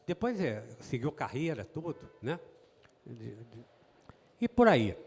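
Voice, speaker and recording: A man's voice: mid-range voice, sing-song, takes it slowly, darkish tone, in a large hall, a little hiss or hum. A man, a guest telling stories in a chatty, folksy way with many asides to his listeners. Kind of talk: storytelling in an interview.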